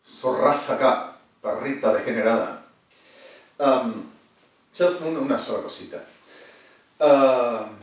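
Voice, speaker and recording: A man from Argentina with an Argentine accent, talking in a rambling monologue that swings from low muttering to loud shouting. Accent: Argentine Spanish. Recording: very echoey room, far from the mic.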